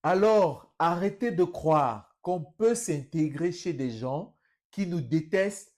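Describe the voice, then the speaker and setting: Slow, high-voiced mocking male commentator. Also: lively intonation, a little mellow. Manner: mocking, addresses viewers as brothers. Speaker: political commentator. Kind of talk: reacting to video clips.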